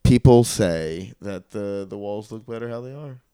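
A man's voice: on the low side, normal speed, warm tone, clear, resonant tone, no room sound. A young man co-hosting a podcast in casual, rambling chat, often restarting his sentences. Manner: laid-back, rambling, self-interrupting. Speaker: podcast co-host.

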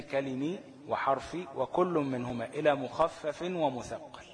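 A man's voice: medium pitch, long reverb tail. A man with an Egyptian accent teaching a Quran recitation lesson, asking questions and answering them himself. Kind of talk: Tajweed lesson in colloquial Arabic.

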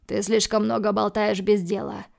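A woman playing a cold, dangerous man in an audiobook, threatening in a calm, low, clipped way. The delivery is flat and monotone, with a gravelly edge. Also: moderate pace. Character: cold, menacing male hero, a tough man. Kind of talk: audiobook character voicing.

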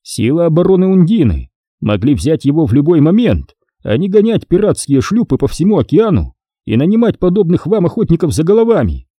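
A man voicing a grave, calm navy admiral explaining a secret, in a dark, husky voice, for an audiobook. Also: on the high side, a little fast, dry recording, clean studio sound, pitched above the performer's own voice.

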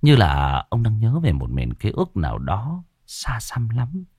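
A man narrating a ghost story in a lively, dramatic telling. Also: lowish voice, unhurried, breathy edge, no echo, studio quality. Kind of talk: scripted narration.

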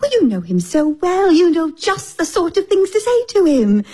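Casting: woman playing gushing, vain British society lady, drawing room comedy, affected delivery, high voice with wildly swooping intonation. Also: wildly swooping pitch, moderate pace, a little mellow, exaggerated voice. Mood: insistent, coaxing. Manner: affected, effusive.

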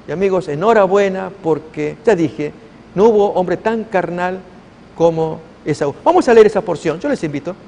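A man preaching a sermon, retelling a story with lively voices for each character and reading scripture aloud. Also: high-pitched, moderate pace, vocal fry, long reverb tail, slight background noise. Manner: animated storytelling, acting out the characters' lines.

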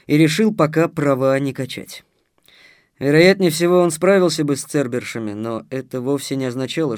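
A male audiobook narrator with a measured, expressive delivery at a middle pitch. The recording is dry and close, with no room around the voice. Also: smooth, no room sound. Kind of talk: scripted narration.

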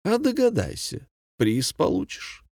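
A swaggering former stage director with grandiose theatrical phrasing, pitched higher and louder than the narration, as a male reader puts him on. He crows about his schemes with bright vanity. The recording is dry and close, with no room sound. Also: huge pitch swings, measured pace, creaky, dry recording, heavily acted. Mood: scheming. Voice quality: grandiloquent, theatrical, rhyming speech. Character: boastful pompous middle-aged male ex-theatre director. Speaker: commandant.

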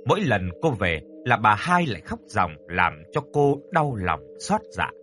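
A man narrating a ghost story in a scripted, expressive and dramatic storytelling style. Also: on the low side, measured pace, soft background music.

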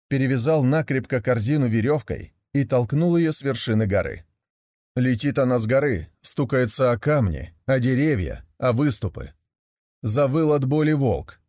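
A man narrating a fairy tale aloud in a steady, measured storytelling voice. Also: medium pitch, no echo, clean studio sound.

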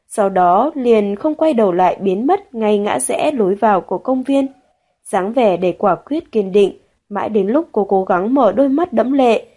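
A woman narrating a romance novel as an audiobook, in a steady, measured storytelling manner. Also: fairly high pitch.

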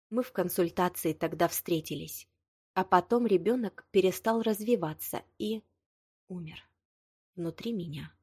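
A woman's voice: medium pitch, slightly rough, no room sound, clean studio sound, lightly acted. A woman reading a prickly, tearful young woman. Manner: tearful, defensive, flaring. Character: young woman, prickly, hurt but proud. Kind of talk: audiobook dialogue reading.

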